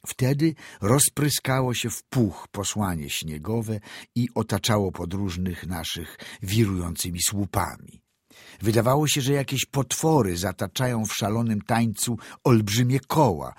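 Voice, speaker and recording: A man narrating classic prose as an audiobook reader, measured and descriptive. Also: fairly low pitch, slightly rough, no echo, clean studio sound.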